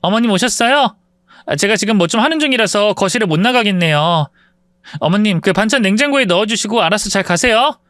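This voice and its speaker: Man doing a smug young daughter-in-law, pitched high, breezy. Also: lively intonation, brisk, a bit bright, no room sound, studio quality. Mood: dismissive. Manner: breezy, dismissive.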